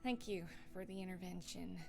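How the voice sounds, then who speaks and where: A woman streaming a solo tabletop game, chatting excitedly with her viewers and reading out the adventure. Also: fairly low pitch, normal speed, vocal fry, music in the background. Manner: chatty and excitable, talks straight to her chat. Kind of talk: casual live-stream chat and adventure reading.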